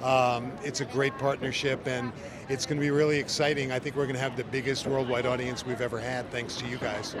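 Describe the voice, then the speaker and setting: A man's voice: mid-range voice, flat delivery, brisk. A man chatting in a red carpet interview outdoors. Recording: outdoor crowd noise behind.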